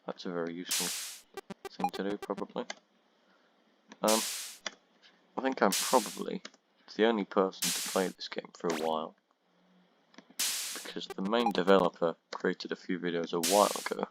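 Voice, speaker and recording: A man with a monotone voice giving rambling, self-deprecating commentary on his own gameplay, full of ums. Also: deep voice, moderate pace, gravelly, long pauses. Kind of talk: casual let's-play commentary. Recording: loud background noise and keyboard clicks.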